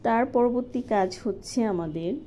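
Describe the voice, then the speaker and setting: A woman calmly walking through a lesson plan step by step, as a teacher-training instructor. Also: fairly high pitch, a little slow. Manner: methodical, step-by-step with occasional fillers. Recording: slightly dull lo-fi recording with faint noise.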